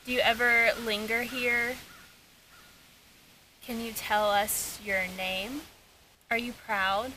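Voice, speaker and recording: A woman paranormal investigator talking to a ghost, putting slow, formal questions to spirits with pauses between them, outdoors. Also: on the high side, steady tone, pushed and bright. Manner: measured, formal, pausing between short questions. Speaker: paranormal investigator leading an EVP session. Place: outdoors in a cemetery. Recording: noisy outdoor field recording.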